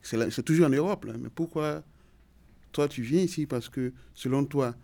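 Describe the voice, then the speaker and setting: A man's voice: medium pitch, moderate pace, gravelly, dark tone. A man in a group discussion pressing a challenging question. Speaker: discussion participant.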